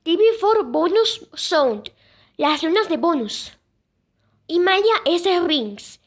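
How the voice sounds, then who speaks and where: A young girl casually presenting sound clips, pausing often and repeating "listen" and "I mean". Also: very high-pitched, expressive. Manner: halting, repeats "escuchen" and "o sea". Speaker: video creator presenting moon sounds.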